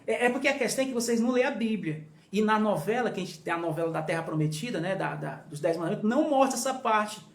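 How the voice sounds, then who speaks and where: A man's voice: sits high, expressive, quick pace, vocal fry, hardly any pauses. Emphatic man teaching Scripture. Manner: emphatic, repeats key phrases, addresses listeners directly. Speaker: Bible study mentor. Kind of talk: informal Bible teaching. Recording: roomy echo.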